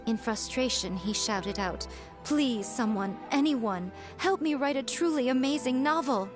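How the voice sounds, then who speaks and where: A woman voicing a sly, playful fox-spirit priestess in a game who teases with soft laughs. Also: high voice, animated, measured pace. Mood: explaining. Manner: teasing, amused, laughs softly. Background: game music.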